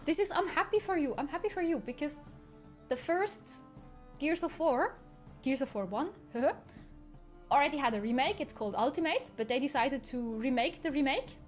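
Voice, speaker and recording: A voice changer makes this male streamer sound female as he plays a teasing, sarcastic AI avatar, casually chatting with his viewers. He speaks at a moderate pace in a very high-pitched voice with lively intonation, and a game soundtrack plays faintly in the background.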